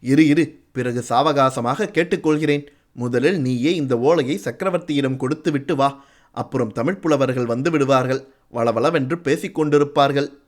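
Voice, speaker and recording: A man's voice: medium pitch, moderate pace, natural voice. Guy reading as a bossy proud fort commander, stern, barks questions, audiobook. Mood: brusque.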